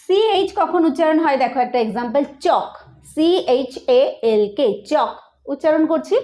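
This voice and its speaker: Bengali-accented female teacher, high voice, slow repetitive explaining, online lesson. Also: animated, mellow. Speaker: English pronunciation teacher.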